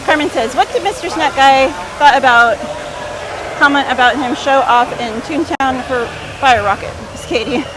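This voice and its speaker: A woman's voice: sits high, normal speed. A woman livestreaming, chatting casually and reading viewer comments aloud. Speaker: livestream vlogger. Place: outdoors in a busy theme park. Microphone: handheld phone or camera on gimbal. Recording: noisy outdoor crowd, wind or traffic noise.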